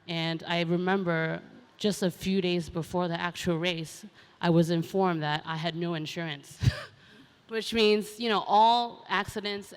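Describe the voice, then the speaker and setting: A young woman from Hong Kong talks casually on a conference stage, filling her sentences with "um" and "you know." Her voice is smooth and clear and sits a little low. Her words ring with the long reverb of a large hall. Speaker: panel speaker, racing driver. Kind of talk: conference panel talk.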